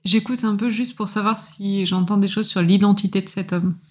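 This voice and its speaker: A woman's voice: mid-range voice, fairly even intonation, moderate pace, a little mellow, slightly rough. A woman taking part as a player in a tabletop role-playing game, speaking casually and hesitantly. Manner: hesitant, with many fillers.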